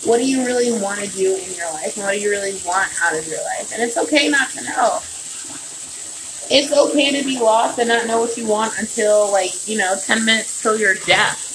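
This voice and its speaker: A woman's voice: medium pitch, normal speed. A young woman hosting her own podcast, rambling casually and swearing freely, a bit tipsy, recorded at home by the bath. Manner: loose and profane, slightly tipsy. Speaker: podcast host. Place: at home near a bathtub. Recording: noisy home recording with running water.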